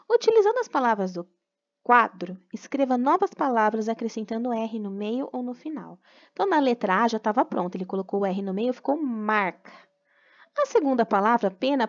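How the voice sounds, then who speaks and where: A woman's voice: on the high side, muffled recording. A woman from Brazil teaching a remote class, patiently explaining step by step and checking in with tag questions.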